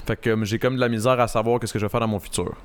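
A man's voice: mid-range voice, steady tone, racing, a little hiss or hum. Laid-back Québécois man, joking guest. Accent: Québécois French. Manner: laid-back, joking, rambling with many restarts. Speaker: podcast guest. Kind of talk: casual chat. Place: living room.

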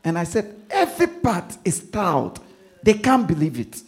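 Ghanaian pastor guy preaching, kinda high voice, goes up and down a lot, repeats stuff, quiet then loud. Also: huge pitch swings, normal speed. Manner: preaching with repetition, swinging from hushed asides to loud emphasis. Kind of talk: sermon.

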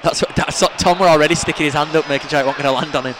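A man's voice: fairly high pitch, steady tone, racing, a bit bright. A man with a Bradford accent co-hosting a football podcast from a stadium press box, bantering casually and teasing. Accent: Bradford, West Yorkshire. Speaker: podcast co-host. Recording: outdoor stadium noise, traffic ambience.

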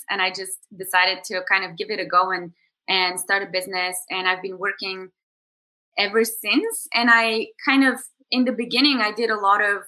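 A rough recording of a Bulgarian woman in her thirties, a coach and podcast guest, talking through her story in an interview conversation. Her voice is mid-range and sharp, and her reflective speech has many fillers and restarts.

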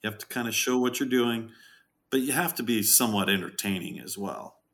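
A middle-aged man, a farm owner, chatting as a podcast guest in a jokey, animated way and acting out quotes. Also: fairly quick. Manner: jokey, animated, acts out quotes with big pitch jumps. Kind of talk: casual interview chat.

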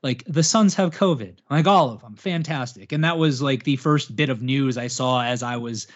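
A man in his thirties hosting a podcast in casual chat, rambling and self-mocking, often speeding up as he gets animated. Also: medium pitch, moderate pace. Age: 30s. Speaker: podcast host. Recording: dull lo-fi podcast audio.

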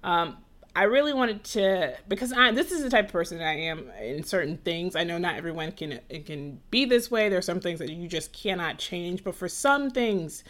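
A woman's voice: fairly low pitch, animated, normal speed, a bit bright. A young woman from Atlanta hosting a podcast, talking in a rambling casual way with restarts. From Atlanta, USA. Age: young adult. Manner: rambling, frequent restarts and laughs. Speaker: podcast host. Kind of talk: casual conversation.

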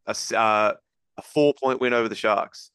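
A man hosting a casual sports podcast, breaking down games in a rapid, rambling analytical way with many restarts. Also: fairly low pitch, a bit bright, smooth, no room sound, clean studio sound. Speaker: podcast host.

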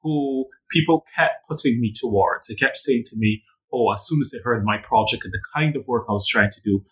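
A man from Barbados, a guest author answering interview questions in a measured, thoughtful way with some fillers. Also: mid-range voice, slightly rough, low-quality recording. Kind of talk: academic interview.

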